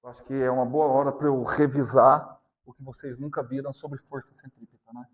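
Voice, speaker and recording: A Brazilian male physics teacher giving a class lecture, often stopping to ask whether students are following and repeating key points slowly. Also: mid-range voice, flat delivery, dull audio. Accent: Brazilian Portuguese. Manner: asks constant check questions, repeats points slowly.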